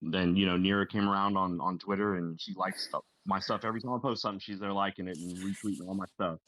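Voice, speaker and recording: A man's voice: deep voice, fairly even intonation, quick pace, fairly bright tone, dry recording, low-quality recording. A man in his thirties talking casually as a podcast guest, rambling with many fillers. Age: 30s. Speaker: guest streamer.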